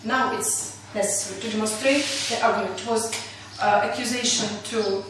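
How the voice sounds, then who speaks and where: A high-voiced woman with a Russian accent explains an exercise to her group. She speaks halting English, often pausing to find the word. The recording is distant and very echoey, with clear noise behind her. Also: steady tone. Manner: halting, searching for words in non-native English. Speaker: teacher leading a group exercise.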